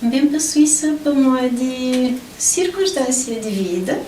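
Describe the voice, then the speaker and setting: A middle-aged woman from Lisbon, Portugal, who organizes motivational events, recounts her life story as an interview guest. Her voice is high, animated and dark-toned, and she speaks at a measured pace. A distant mic gives the recording a roomy sound with faint background noise.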